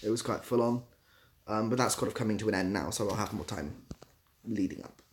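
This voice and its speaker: With slight background noise behind him, a man speaks fairly quickly in a fairly low voice while hosting a casual livestream. An ASMR creator and theatre assistant producer, he rambles informally through viewer comments, often searching for his words.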